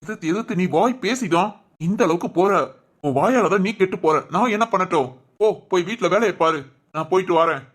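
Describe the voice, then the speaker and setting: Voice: mid-range voice, brisk, lightly acted. A voice actor playing a stern young husband in a cartoon who sides with his mother, lecturing and commanding, with Tamil village speech. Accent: Tamil Nadu village speech.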